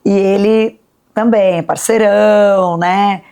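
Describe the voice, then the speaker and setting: A woman's voice: medium pitch, steady tone, dark tone, clear, resonant tone. A Brazilian woman co-hosting a podcast, agreeing often and sharing her own family anecdotes. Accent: Brazilian Portuguese. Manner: quick agreeing backchannels, laughs along. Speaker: podcast co-host. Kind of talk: casual podcast conversation.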